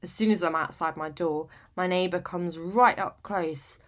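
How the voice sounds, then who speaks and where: A woman with a British accent, her voice naturally on the low side and at a normal speed, performs a conversational, confessional monologue. She plays a lonely, sleep-deprived eccentric who is wryly matter-of-fact about her bleak life. Her manner is chatty, colloquial and self-deprecating, full of tag questions.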